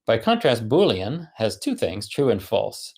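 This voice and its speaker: A man's voice: fairly low pitch, sing-song, unhurried, gravelly, darkish tone. A man giving a technical conference talk, thinking aloud with many fillers and restarts. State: running out of breath. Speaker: conference speaker.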